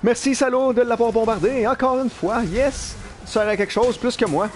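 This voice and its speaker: A young man with a Quebec French accent giving live gameplay commentary in an animated, self-mocking way, swearing casually. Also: extremely high pitch, normal speed, slight background noise. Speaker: live streamer. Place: at work.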